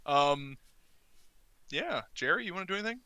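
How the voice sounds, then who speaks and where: A man's voice: high-pitched, lively intonation, normal speed, bright, forceful tone, clean tone, dry recording. A man running a tabletop game as game master, narrating casually and laughing often.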